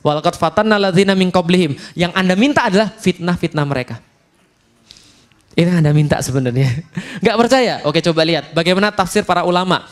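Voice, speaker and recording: A man with an Indonesian accent preaching a lively, humorous sermon at a study gathering, acting out quotes dramatically. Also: on the high side. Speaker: Islamic preacher.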